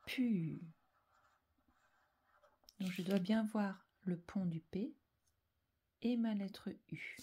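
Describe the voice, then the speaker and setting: Woman, teacher, slow spelling dictation, dark husky voice, repeats syllables, frequent whispers. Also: mid-range voice. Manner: calm, slow and deliberate, repeating syllables and often whispering sounds.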